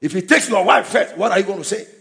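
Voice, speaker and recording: A male preacher delivering an emphatic sermon, often shouting and repeating his points. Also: high-pitched, fast talker, vocal fry.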